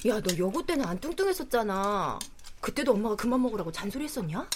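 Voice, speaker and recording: An actress playing a sharp-tongued roommate who scolds her friend in a radio drama. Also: medium pitch, very animated, fast talker, a little hiss or hum, close to an everyday voice. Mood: scolding. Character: nagging roommate and hometown friend.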